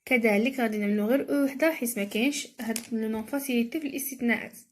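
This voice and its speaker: A woman with a Moroccan accent, explaining a French lesson and reading sentences slowly and carefully, as in a dictation. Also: a little high. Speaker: teacher.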